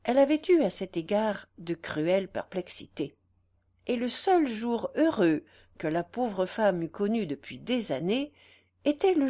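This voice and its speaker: A woman's voice: mid-range voice, dark tone. A woman narrating a classic novel as an audiobook, reading expressively and dramatically.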